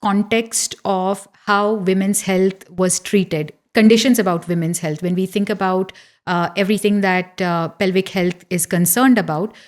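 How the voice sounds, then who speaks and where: A middle-aged woman, a physiotherapist answering interview questions in a measured, explanatory way. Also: mid-range voice, steady tone. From India. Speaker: guest physiotherapist.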